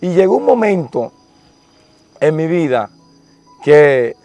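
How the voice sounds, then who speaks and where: A man's voice: a little high, big pitch swings, slow, warm tone, no echo, faint music behind. A young man tells his conversion story in an earnest, repetitive, emotional manner during an interview. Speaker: interviewee giving testimony. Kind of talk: religious testimony, casual storytelling.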